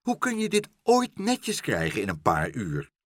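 A man's voice: mid-range voice, wildly swooping pitch, measured pace, no echo, clean studio sound. A man doing a flustered, chaotic father. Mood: frantic. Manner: exclamatory, overly polite when acting proper.

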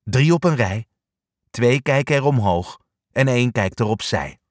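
A man reading a children's storybook aloud, slow and unhurried. His voice swings widely in pitch as he brings the narration to life. The recording is dry and close with no room sound. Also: dry recording. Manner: expressive, animated reading.

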